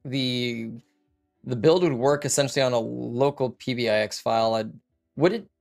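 A man in his thirties hosts a casual video-call interview from a home room with lit wall panels and a couch, chatting loosely with lots of fillers and restarts. His mid-range voice moves at normal speed with vocal fry, and soft music plays in the background.

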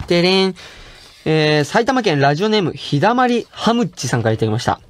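A man's voice: on the high side, big pitch swings, fast talker. Playful chatty male radio host. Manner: playful, chatty, laughs often. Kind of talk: casual radio talk reading listener mail.

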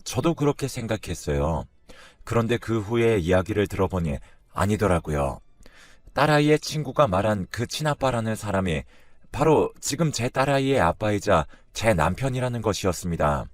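Low-voiced man reading a story. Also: big pitch swings, moderate pace, no room sound. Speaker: story narrator. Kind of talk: scripted first-person story reading.

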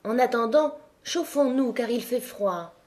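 A woman voicing a vain, quick-tempered peasant wife with a raised, emphatic voice. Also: on the high side, animated, darkish tone. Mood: eager.

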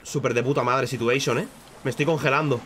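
A man giving casual, swear-heavy live commentary on a game, breaking into loud high shouts when startled. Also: fairly even intonation, quick pace, background noise. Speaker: streamer.

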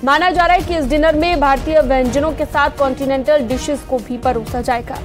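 A young woman anchoring a TV news bulletin in a studio, reading briskly and formally. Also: high voice, steady tone. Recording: broadcast bed music underneath.

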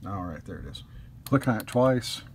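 A man casually reviewing a collectible statue at a table indoors, easygoing, with frequent pauses. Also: lowish voice, expressive, a little hiss or hum.

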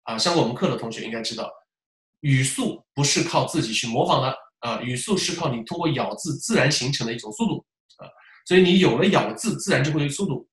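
A man teaching test preparation in a lecture style, animated, asking rhetorical questions and demonstrating examples aloud. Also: medium pitch, fast. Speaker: English test prep teacher. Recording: roomy echo.

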